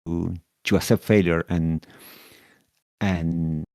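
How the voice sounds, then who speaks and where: Low-voiced man from Chile, halting. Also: fairly even intonation, mellow, no echo. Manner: halting, repeats words while thinking. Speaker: podcast guest, solution architect. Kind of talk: casual interview answers.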